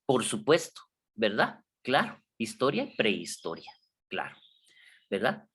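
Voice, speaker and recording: A man from Guatemala lectures university students at a measured pace, his lowish, husky, somewhat bright voice swinging wildly in pitch. He illustrates points with examples and checks in frequently with repeated tag questions.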